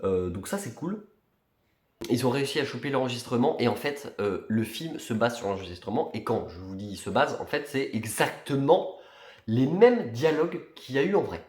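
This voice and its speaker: A young man vlogging casually about his new purchases, talking in a relaxed way with many fillers and restarts. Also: mid-range voice, moderate pace, roomy sound. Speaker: collector vlogger. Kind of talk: casual chat.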